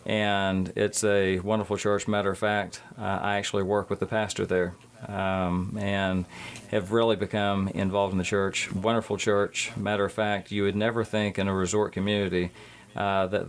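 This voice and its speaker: A man's voice: fairly low pitch, level tone, moderate pace. A man speaking as a motivational speaker guest on a radio interview, earnest and often stammering and restarting his words.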